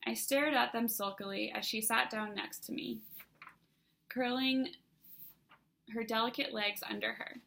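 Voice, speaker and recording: A woman, the author, narrating her own young adult fantasy novel in the first person with an even storytelling delivery. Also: on the high side, measured pace, gravelly, pauses often, slight background noise.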